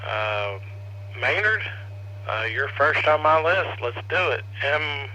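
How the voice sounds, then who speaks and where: A man's voice: on the high side, lively intonation, takes it slowly, bright, forceful tone, low-quality recording. A man hosting a ham radio net as controller, casually calling for check-ins and passing turns. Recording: faint noise on radio net audio.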